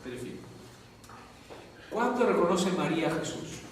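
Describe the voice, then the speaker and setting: In a very echoey lecture hall or classroom, with the mic far away, a priest with a Peruvian accent gives a Bible class, peppering students with check-in questions. His voice is high-pitched with lively intonation at a moderate pace, plus a faint hiss or hum.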